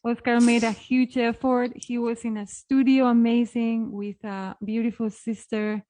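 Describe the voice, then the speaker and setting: A woman's voice: a little high, level tone, a little slow, dark tone. Effusive woman hosting a live stream. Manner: effusive, apologetic, repeats "beautiful" and "amazing". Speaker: event host.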